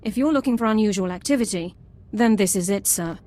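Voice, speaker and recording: An actress voices a crisp, by-the-book female military sergeant in video game dialogue, sounding formal, grave, and dutiful with clipped, regimented phrasing. Her natural voice is medium in pitch, warm, and fairly quick, and background music plays under the lines.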